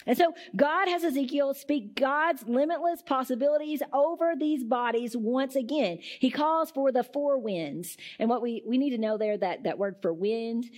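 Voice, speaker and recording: A woman's voice: high voice, moderate pace, few pauses, darkish tone. Woman preaching in a conversational way. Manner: conversational preaching with fillers and tag questions. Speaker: pastor. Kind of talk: sermon.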